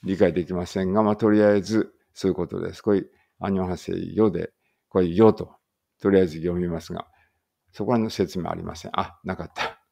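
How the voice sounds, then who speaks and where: A man's voice: deep voice, fairly even intonation, fairly quick, creaky, warm tone. A man reading a study text aloud in a casual study-along and thinking aloud in muttered asides. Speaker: language teacher reading aloud.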